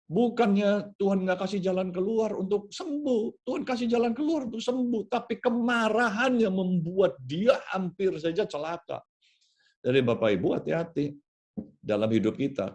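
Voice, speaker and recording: A male pastor preaching in a casual storytelling manner, his pitch swinging widely as he talks. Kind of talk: sermon.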